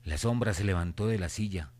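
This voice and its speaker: A man with a low voice serves as narrator of a radio horror drama. He reads the scripted story as third-person narration. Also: brisk, darkish tone, a little hiss or hum.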